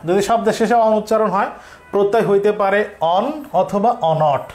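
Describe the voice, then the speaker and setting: A man's voice: high-pitched, moderate pace, a little mellow. A male teacher with a Bangladeshi accent giving an online grammar lesson, asking questions and answering them himself, repeating key points. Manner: repetitive, drilling.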